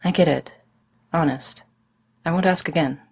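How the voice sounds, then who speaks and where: Woman voicing a fussy young woman, calm, dry, gently firm, low husky voice. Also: moderate pace, exaggerated voice.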